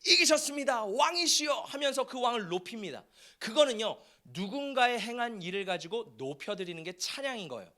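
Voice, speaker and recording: A male pastor preaching a fervent sermon in a church sanctuary, often breaking into shouts. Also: high-pitched, animated, brisk.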